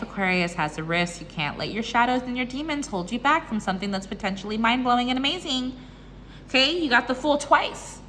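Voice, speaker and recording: A woman doing a casual tarot reading in a bubbly, excitable, chatty way. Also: a little high, a little hiss or hum. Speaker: tarot reader. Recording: reverberant room with faint ambience.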